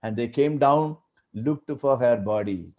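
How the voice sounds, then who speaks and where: A man preaching a sermon at a church youth meeting, swinging from loud exclaiming to low, hushed appeals. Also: unhurried, lo-fi sound. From India. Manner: acts out biblical voices in quotes.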